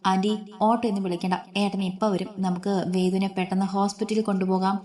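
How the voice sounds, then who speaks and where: A woman voicing a kind young woman who talks in a hurried, reassuring way. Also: medium pitch, flat delivery, darkish tone, lightly acted.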